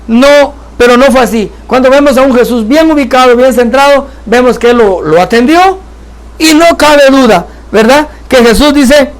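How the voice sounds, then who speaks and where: A man leads a Bible study with a strikingly high voice. He teaches in an earnest, halting way, restarting phrases and often turning to his listeners for agreement. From Guatemala. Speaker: church trainer.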